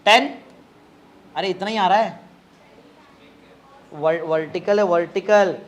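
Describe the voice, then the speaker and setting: Brisk high-voiced male physics tutor. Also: dull audio. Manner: brisk, coaxing, repeats phrases, quizzes students. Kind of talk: live classroom teaching. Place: coaching classroom.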